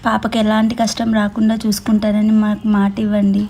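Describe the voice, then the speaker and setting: A dying mother, soft flat mellow voice, pleading, faint music. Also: medium pitch, a little fast, gravelly.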